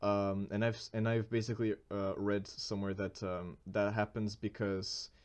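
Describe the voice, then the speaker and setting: A man's voice: lowish voice, level tone, normal speed, darkish tone, smooth. A man co-hosting a podcast, telling a long story in casual chat, full of fillers, restarts and bursts of laughter. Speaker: podcast co-host.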